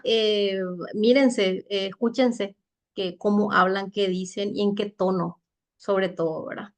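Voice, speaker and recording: A woman giving a conversational seminar talk on soft skills, chatty and halting, often tagging her points with rhetorical questions. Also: medium pitch. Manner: chatty, with frequent rhetorical tag questions and light laughs; loose, halting delivery with many fillers and restarts. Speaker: speaker teaching soft skills for network marketing.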